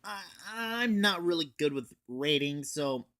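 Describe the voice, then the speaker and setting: A young man, teens or young adult, delivers a casual, scripted anime review for video, talking informally and swearing now and then. His voice is a little high and a bit bright, animated, at a measured pace.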